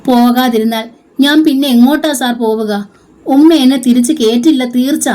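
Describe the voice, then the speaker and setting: A woman voicing a terrified young woman who pleads through tears in a high voice. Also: normal speed, dark tone, natural voice. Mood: pleading.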